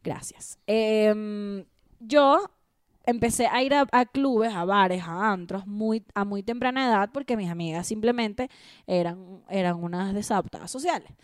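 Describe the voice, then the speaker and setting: A woman's voice: mid-range voice, measured pace, no echo, studio quality. Woman telling a crude story. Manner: animated, crude and self-mocking. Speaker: podcast co-host. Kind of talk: casual storytelling chat. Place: home.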